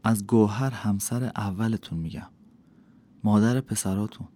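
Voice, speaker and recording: A man reading an audiobook, voicing the gentle ghost of a young woman who speaks softly and reassuringly. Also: fairly low pitch, fairly even intonation, natural voice. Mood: soothing. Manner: soft, soothing, reassuring. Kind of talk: audiobook character voice.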